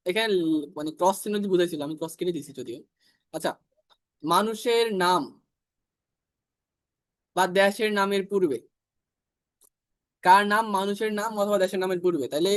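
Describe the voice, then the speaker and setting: A man teaching an IELTS class, explaining grammar step by step, repeating English examples slowly and checking in often with his students. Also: high voice, a bit bright, no room sound. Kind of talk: online class lecture.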